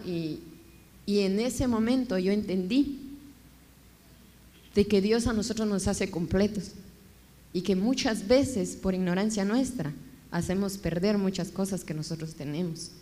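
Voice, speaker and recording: Mujer guatemalteca contando su historia. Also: female voice, medium pitch. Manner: animated, emotional storytelling. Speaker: guest. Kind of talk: telling her life story. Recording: echoey hall.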